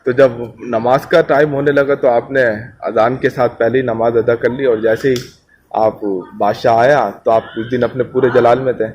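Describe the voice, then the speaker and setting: A man's voice: mid-range voice, fairly even intonation, dull audio, a little hiss or hum. Man retelling a saint's legend. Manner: acts out quoted dialogue with shifts in loudness. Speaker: storyteller at a Sufi shrine.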